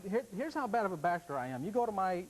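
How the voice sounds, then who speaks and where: A man's voice: sits high, very animated, rapid-fire, noisy background. A man demonstrating products on a home shopping show, selling in a folksy, joking patter. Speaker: guest product vendor and demonstrator. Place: TV studio demonstration set.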